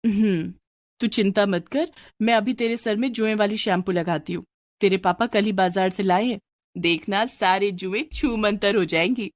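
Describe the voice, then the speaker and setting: A woman voicing a caring mother who reassures her daughter gently. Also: medium pitch, moderate pace, dry recording, close to an everyday voice.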